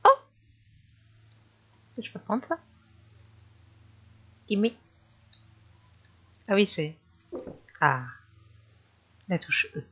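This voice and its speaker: A woman chatting casually and hesitantly while she plays a horror game in a dark bedroom. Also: medium pitch, big pitch swings, extremely slow, long pauses, husky, dull audio. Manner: chatty, hesitant with many fillers. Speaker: gamer. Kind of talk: casual let's play commentary.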